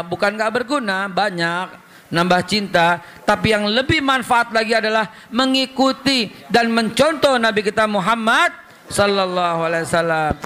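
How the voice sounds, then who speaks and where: A man preaching a humorous sermon at a religious gathering, telling stories lively and acting out parents and children in softer voices. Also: sits high, clear, resonant tone. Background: audience.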